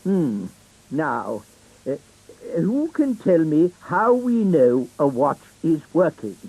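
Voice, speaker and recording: A man's voice: a little high, very animated, takes it slowly, dark tone, husky, exaggerated voice, low-quality recording. A man voicing a pompous, stuffy old elf teacher in a children's cartoon, pedantic, with a British accent. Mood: measured, schoolmasterly. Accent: British English. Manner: pompous, pedantic, hesitant hums.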